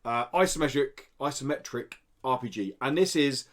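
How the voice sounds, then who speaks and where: This podcast co-host talks indie games in a relaxed review conversation, sounding enthusiastic and casual. His voice is mid-range and fairly bright, expressive and delivered at normal speed.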